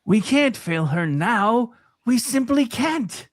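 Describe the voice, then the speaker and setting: A man playing an excitable, kindly scarecrow in a comic radio play, fretful and given to stammered exclamations. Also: very high-pitched, slow, no room sound, full character voice. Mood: earnest.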